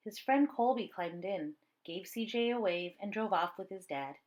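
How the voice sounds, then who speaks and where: A storybook reader, a woman with a mid-range voice, reads a children's story aloud in an expressive narrating style at normal speed.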